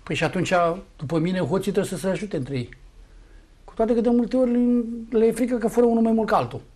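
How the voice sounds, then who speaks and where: Brief: middle-aged man, high voice, combative and sarcastic talk show guest. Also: warm tone. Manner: combative, sarcastic, addresses opponents directly. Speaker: political guest. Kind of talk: heated political talk show debate.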